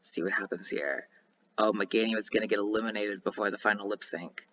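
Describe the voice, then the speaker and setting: A young man casually commentating a game he plays, chatty and excitable, with many ums and restarts. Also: fairly low pitch, brisk, muffled recording. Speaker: gaming YouTuber.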